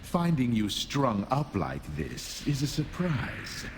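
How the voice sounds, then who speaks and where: A man's voice: medium pitch, wildly swooping pitch, slow pace, background noise. An actor playing a wry, cool male adventurer in a video game, with a dry, unruffled manner. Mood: dryly amused. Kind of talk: video game character acting.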